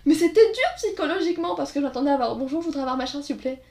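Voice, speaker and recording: A woman's voice: high voice, very fast, darkish tone. A woman telling casual anecdotes in a chat, acting out quotes and laughing along. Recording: roomy echo.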